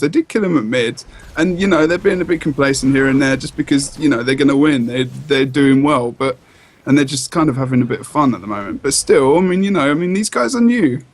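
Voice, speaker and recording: A man co-commentating an esports match, giving loose, casual analysis with frequent restarts. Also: mid-range voice. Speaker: esports co-caster.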